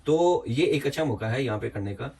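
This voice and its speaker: A man's voice: medium pitch, animated, a little fast, creaky, darkish tone, slightly rough. A man giving heated reaction commentary, indignant and repetitive, with many fillers. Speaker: YouTube commentator.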